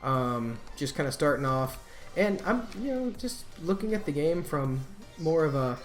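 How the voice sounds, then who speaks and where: A man's voice: on the high side, very animated, a little slow, soft background music. A man hosting a Let's Play, giving casual, rambling gameplay commentary in a laid-back way.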